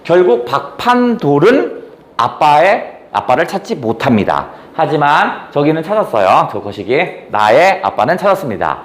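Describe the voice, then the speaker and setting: A man teaches a literature class, retelling the plot and jumping his voice up to act out the characters' lines. His pitch sits a little high and swings widely. The room adds a noticeable echo. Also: moderate pace. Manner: animated, acts out quoted lines with raised pitch, asks rhetorical questions. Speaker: Korean literature lecturer. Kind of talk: exam-prep literature lecture.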